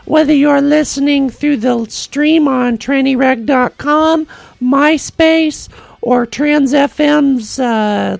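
Woman podcast host, really gravelly fry, high voice, sing-song welcoming way of talking, casual. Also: a little mellow, no room sound.

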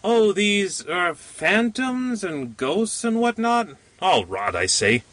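A man voicing a small, affable, jaunty man who frightens easily, lifting his voice high and bright. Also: very animated, slow pace, no echo, exaggerated voice. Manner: chirpy, cheerful, raised voice. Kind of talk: storybook reading.

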